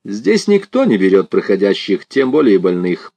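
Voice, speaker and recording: A man's voice: on the low side, very animated, normal speed, warm tone, breathy edge, heavily acted. A man reading an audiobook, voicing a stern middle-aged householder who speaks curtly and dismissively.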